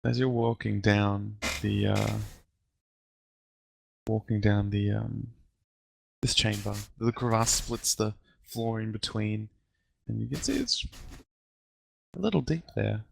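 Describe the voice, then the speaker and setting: A man narrating a tabletop game as dungeon master, with halting, filler-filled description. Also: lowish voice, creaky, slight background noise, rough recording.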